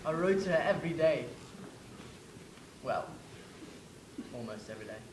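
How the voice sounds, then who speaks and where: A man's voice: fairly high pitch, expressive, normal speed, roomy sound, background noise, close to an everyday voice. A man playing the ghost of a young soldier from the First World War, who speaks wryly and directly to the listener. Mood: wistful. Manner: wry, conversational, addresses the listener directly. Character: ghost of a young English WWI soldier, wry. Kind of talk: theatrical monologue.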